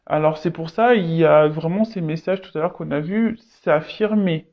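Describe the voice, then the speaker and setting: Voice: medium pitch, normal speed. A tarot reader speaks directly to the audience in a loose, unscripted reading, stalling often and circling back through repeated words and fillers. The recording sounds a little dull and lo-fi, with the top end muffled.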